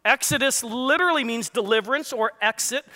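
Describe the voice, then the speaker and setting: Speaking fairly quickly in an extremely high, sharp voice, a man preaches as lead pastor in a big church hall, where a long reverb tail trails his words. He keeps things jokey and conversational, bantering with the crowd and asking them questions.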